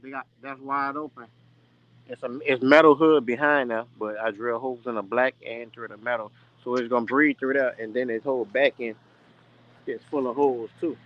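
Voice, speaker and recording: A man's voice: medium pitch, fairly even intonation, no echo. Easygoing man, lo-fi sound. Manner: easygoing, halting, restarts words. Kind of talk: casual car chat.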